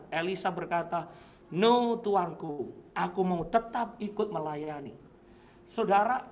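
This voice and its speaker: Man, pastor, fiery sermon delivery, high voice, faint room hum. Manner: animated, shouts at climaxes, mixes English phrases. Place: church sanctuary.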